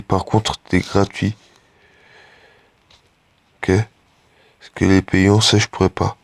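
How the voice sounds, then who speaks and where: A man's voice: low-pitched, vocal fry, no echo. A teenage boy chatting casually to his viewers while playing a game, rambling and hesitant, full of fillers and restarts. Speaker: gaming YouTuber. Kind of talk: casual gameplay commentary.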